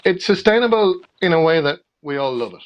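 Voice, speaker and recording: The audio is dull, and the voice is fairly high and sing-song, a little quick. It belongs to a middle-aged man from Galway, Ireland, an interview guest who works as a freelance theatre production manager, answering questions in a rambling, conversational way and often repeating words as he explains.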